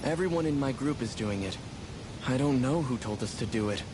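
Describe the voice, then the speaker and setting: Loud rumbling noise sits behind a man playing a dazed, docile townsman in a video game. His voice is mid-pitched. He gives short, blank, literal answers, slow to respond. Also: lively intonation, close to an everyday voice.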